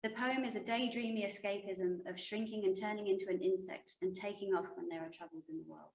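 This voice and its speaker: A woman, a circus performer reading out a prepared pitch for her show in a measured way. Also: steady tone. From England. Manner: measured, read-aloud delivery. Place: arts centre stage before a live audience. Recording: echoey hall from far off, faint noise.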